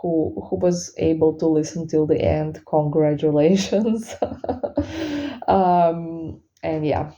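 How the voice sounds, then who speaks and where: A non-native English-speaking woman with a slight lisp from wearing retainers, talking off the cuff and haltingly to her followers, searching for words. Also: sits low, fairly even intonation, mellow, muffled recording. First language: not English. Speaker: spiritual reader and spellworker hosting a Q and A. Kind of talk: unscripted casual monologue to followers.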